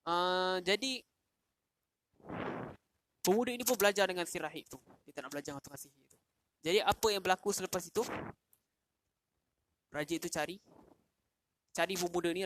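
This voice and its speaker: A man's voice: fairly high pitch, fairly bright tone, a little hiss or hum. A man, telling a story in a casual livestream lesson and asking questions. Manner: casual, with fillers and restarts, asks the audience questions. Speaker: Quran class teacher.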